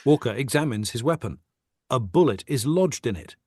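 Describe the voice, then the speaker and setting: A man's voice: medium pitch, lively intonation, normal speed, darkish tone, husky, no echo, studio quality. A man reading the stage directions of a script steadily and matter-of-factly in a table read over a video call.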